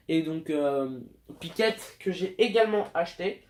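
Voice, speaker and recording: A man's voice: fairly high pitch, lively intonation, slow pace. Rambling young man showing off collectibles. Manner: rambling, hesitant, many fillers and self-mocking asides. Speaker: YouTuber showing collectible figures. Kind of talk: casual unboxing vlog.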